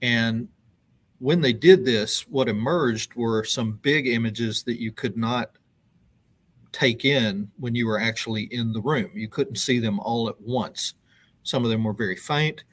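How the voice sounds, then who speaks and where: Middle-aged male reporter, guest on a web show, speaking over a webcam from a brick-walled room, loose and halting with frequent ums. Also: mid-range voice, fairly bright tone. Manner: loose, halting delivery with many ums and restarts. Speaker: news reporter interviewed as guest. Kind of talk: conversational explanation on a live web show. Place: indoor room with brick wall. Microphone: video call webcam.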